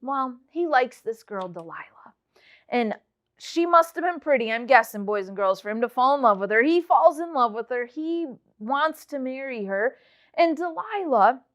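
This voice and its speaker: A woman teaching children a Bible lesson, reading verses and retelling the story with lively asides to the kids. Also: sits high. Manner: animated storytelling, addressing the children directly.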